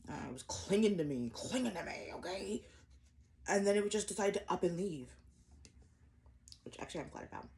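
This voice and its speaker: A vlogger in her twenties eats breakfast at home while chatting casually to camera in an eat-with-me video, rambling and poking fun at herself with many fillers and restarts. Her mid-range voice is expressive and mellow, fairly quick but with frequent pauses, against slight background noise.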